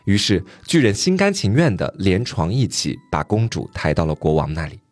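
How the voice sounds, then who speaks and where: A male podcast host casually retelling a dark fairy tale, chatty, with joking asides. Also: deep voice, wildly swooping pitch, moderate pace, no echo.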